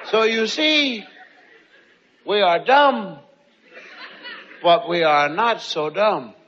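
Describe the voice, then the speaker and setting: Slow-talking high-voiced man comic. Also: animated, some chatter behind, a little hiss or hum. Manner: slow, drawn-out storytelling with sudden loud outbursts. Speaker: stand-up comedian. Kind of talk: stand-up storytelling. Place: large theater stage. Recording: live show in a hall, dull sound, audience.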